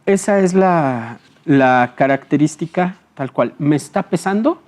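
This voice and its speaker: A man, a psychologist guest explaining things calmly in an interview, often pausing on fillers and checking in with short tag questions. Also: fairly high pitch. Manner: frequent filler hesitations.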